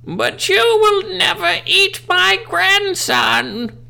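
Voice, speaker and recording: A man voicing a fierce ghostly grandmother with a shrill, quavering, whispery voice. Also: big pitch swings, very slow, gravelly, sharp tone, full character voice. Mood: furious.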